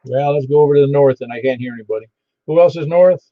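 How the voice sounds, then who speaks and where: A man working as a ham radio net controller, halting and easygoing as he takes an informal roll call. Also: medium pitch, dry recording. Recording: dull band-limited ham radio audio.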